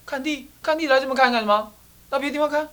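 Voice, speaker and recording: A man's voice: very high voice, very fast, sharp tone, voice pushed up. A man playing a fierce old mountain-spirit grandpa. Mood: scolding. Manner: gruff, scolding, shooing people off.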